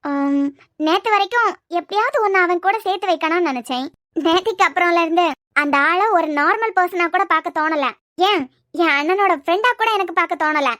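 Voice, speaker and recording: A woman's voice: very high voice, brisk, a bit bright, no room sound, studio quality. A woman voicing a blunt, teasing girlfriend. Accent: Kanyakumari Tamil. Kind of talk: cartoon web-series voice acting.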